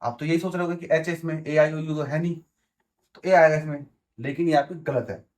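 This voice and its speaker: A man's voice: fairly high pitch, fairly even intonation, fairly quick, darkish tone. A man with a Hindi accent teaching English grammar, repeating words and checking that his students follow. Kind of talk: explaining grammar at a board.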